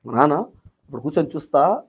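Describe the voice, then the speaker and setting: Young man, interview guest, very fast speech, agitated, acts out quoted voices. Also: on the high side, expressive, husky. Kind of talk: emotional storytelling in an interview.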